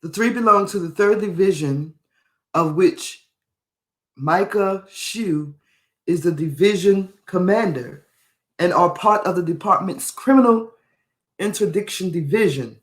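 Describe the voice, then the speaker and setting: A man's voice: sits high, a little slow. Indignant man reading news, echoey room. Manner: indignant, repeats phrases for emphasis. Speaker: podcast host. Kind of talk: reading and commenting on a news article.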